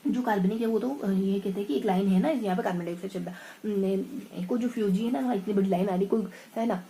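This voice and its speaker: A woman revising her notes aloud in a casual study session, thinking out loud and stumbling over half-remembered words. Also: mid-range voice, quick pace, slight background noise, rough recording.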